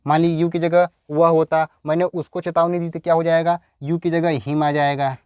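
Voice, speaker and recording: A man teaching English grammar to Hindi-speaking students, with a smooth, clear voice pitched a little high. He keeps asking rhetorical questions and repeats each word several times. The recording is dry and close. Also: level tone, moderate pace, a little mellow, dry recording. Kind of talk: Hindi-language grammar lesson.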